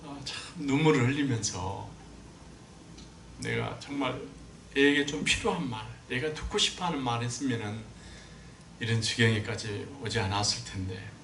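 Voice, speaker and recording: A man preaching a sermon as a pastor, telling stories with animated swings and climbing high when he quotes people. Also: moderate pace, gravelly, noisy background. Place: church sanctuary. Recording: echoey church room, mic at a distance.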